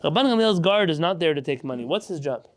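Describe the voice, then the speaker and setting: A man leads a Talmud lesson with a somewhat raised pitch, working through each passage step by step. He often poses a question to the class and then answers it himself. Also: animated, quick pace. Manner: explains step by step, asks and answers own questions. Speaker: Torah class teacher.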